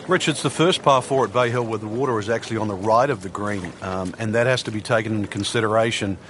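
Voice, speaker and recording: A man's voice: lowish voice, fast, natural voice. A man as a golf commentator, explaining the course in a conversational analyst's style. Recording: faint crowd and outdoor noise. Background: faint golf crowd and outdoor ambience.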